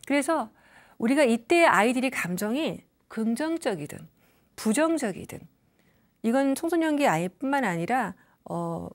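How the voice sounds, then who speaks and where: A middle-aged woman counselor giving a lecture on communication, acting out quoted parents and children and dropping to a whisper for emphasis. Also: on the high side.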